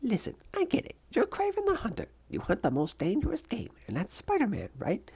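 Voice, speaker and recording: A woman voicing a brash, chirpy, earnest young female superhero with squirrel powers in a comic dub, in a bubbly, sassy, excitable way. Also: a little high, brisk, gravelly, breathy edge, exaggerated voice. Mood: earnest, persuasive.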